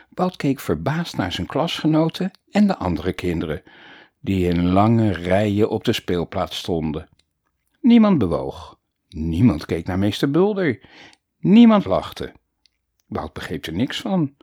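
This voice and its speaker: A man narrating a children's storybook in a playful, animated way. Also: lowish voice, slightly rough, no echo, studio quality. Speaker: audiobook narrator.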